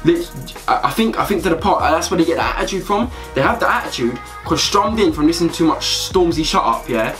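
A man's voice: on the high side, fast talker, hardly any pauses. Young male comedy presenter, London accent, casual slangy rant in a bedroom, music underneath. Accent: London or south-east English. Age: young adult. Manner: animated slangy ranting, emphatic repetition. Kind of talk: casual comedic commentary to camera. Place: small bedroom indoors.

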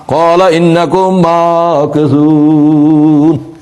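A fairly high-voiced man delivers a sermon. He slips into slow, sing-song chanting for recited passages and breaks into sudden high exclamations. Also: completely flat delivery, darkish tone, soft background music. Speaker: preacher.

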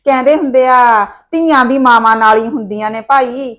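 A woman plays a caring older village mother with a Punjabi accent, visiting her married daughter. Her voice sits a little high, and she talks in a homely, advising way, full of sayings. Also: fairly even intonation, normal speed, fairly bright tone, close to an everyday voice. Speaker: actor. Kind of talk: village short-film acting.

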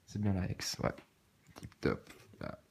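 A man with a Swiss French accent, calmly muttering card names and soft exclamations as he opens packs in a casual vlog. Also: takes it slowly, background noise. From Switzerland. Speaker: card-opening vlogger. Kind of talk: casual commentary while opening cards.

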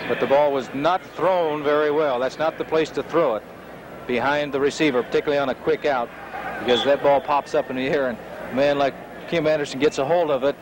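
A man's voice: on the high side, fairly even intonation, fairly quick. An American man calling live football play-by-play on a 1970s TV broadcast from an indoor stadium. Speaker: play-by-play sportscaster. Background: loud stadium noise.

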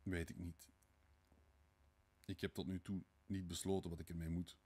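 A man reads a worn-out young man who answers curtly and mutters, lost in thought. The voice is very low and husky, close to the reader's own. It is an audiobook reading. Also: level tone, moderate pace, mellow. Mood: brooding. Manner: tired, curt and muttering. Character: weary, brooding young male murderer.

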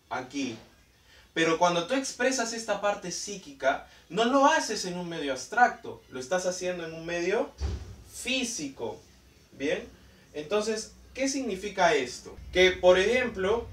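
A man from Peru teaching a language lesson, often checking in with "¿bien?" and stretching key words out slowly. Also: on the high side, far from the mic. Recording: echoey room, voice off-mic.

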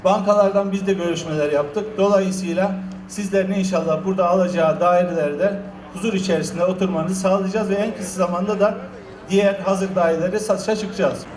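A male official gives an explanatory public address in a high-pitched voice. The room around him echoes noticeably. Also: steady tone, fairly quick, darkish tone, slight background noise. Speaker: municipal official. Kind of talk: public address before an auction.

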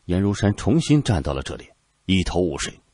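A man narrating an audiobook with lively storytelling. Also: sits low, brisk, dry recording.

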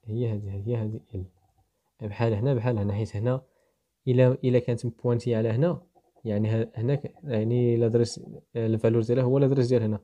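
This medium-pitched man talks very fast with little pitch movement and a warm tone, though the audio sounds dull. He has a Moroccan Arabic accent and is teaching students a programming lesson, thinking aloud through the code step by step.

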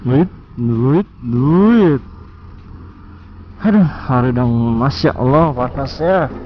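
Riding in city traffic, a young man narrates his motovlog with chatty, slangy jokes and teasing remarks at other bikers. His voice is medium-pitched and animated but extremely slow, and the sound is lo-fi.

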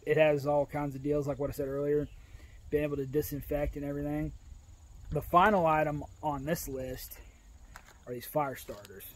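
Out in a grassy rural yard, an outdoor video host gives a casual product review to the camera in a folksy, chatty way. He is an American man in roughly his thirties, speaking at a moderate pace in a slightly high voice with fairly even intonation, on a rough recording.

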